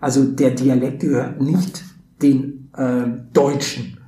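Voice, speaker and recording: The speaker is a Brazilian theatre educator, Portuguese his first language, appearing as a guest on a podcast. His warm, mid-range voice moves little in pitch and goes slowly, and he thinks aloud with many fillers and false starts. Echo from the room and a faint hiss sit behind him.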